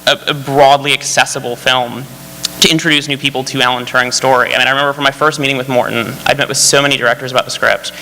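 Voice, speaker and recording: Bright-voiced male screenwriter on a panel. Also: medium pitch, steady tone, fast. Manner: eager, rambling, full of fillers and restarts. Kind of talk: panel discussion. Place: festival panel hall. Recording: hall reverb, faint hum.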